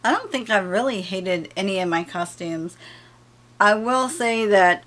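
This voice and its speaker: A woman's voice: medium pitch, unhurried, fairly bright tone. Giggly woman chatting on her vlog. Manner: giggly, playful. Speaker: vlogger. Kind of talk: casual chat.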